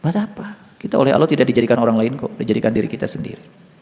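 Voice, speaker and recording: A middle-aged man with a Sundanese accent giving a spiritual teaching, swinging between soft, mumbled asides and loud, emphatic lines, often chuckling through his anecdotes. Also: medium pitch, racing. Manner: chuckles while talking, anecdotal. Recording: long hall reverb.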